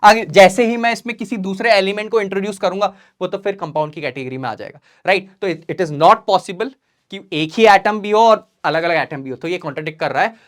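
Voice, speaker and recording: A man's voice: high-pitched, fairly quick. A young man teaching a revision lesson, asking rhetorical questions and checking in often with his students. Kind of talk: exam revision lesson mixing Hindi and English.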